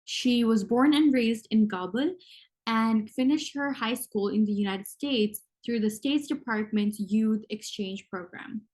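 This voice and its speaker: A woman's voice: a little high, unhurried, darkish tone. A young adult woman hosting an interview, enthusiastic, reading a prepared introduction with many ums. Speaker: interview host. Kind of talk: hosted interview.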